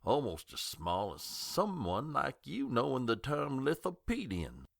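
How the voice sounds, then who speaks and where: An actor playing a condescending older doctor in an audio drama, who speaks slowly and patronizingly. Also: male voice, mid-range voice, huge pitch swings, creaky, dry recording, studio quality, heavily acted. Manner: patronizing, slow.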